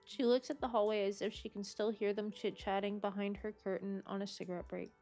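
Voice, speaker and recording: A woman streams a game, reading the narration aloud and chatting between lines in a loose, playful way. Her pitch sits in the middle for a woman, and faint music runs underneath. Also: little pitch movement, fairly quick, a little mellow. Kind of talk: casual game playthrough.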